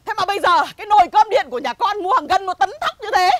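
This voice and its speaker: Shrill ranting village mother. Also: animated, fast talker, heavy background noise. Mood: indignant. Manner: shrill, ranting, rhythmic cursing. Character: loud, hot-tempered village mother ranting at thieves. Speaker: village woman cursing a thief. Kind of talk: comedy sketch acting.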